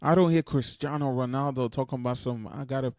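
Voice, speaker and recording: A man's voice: medium pitch, fairly even intonation, fast, darkish tone, clear, resonant tone, dry recording, studio quality. A man hosting a reaction video, talking in a blunt, profane, exasperated casual rant.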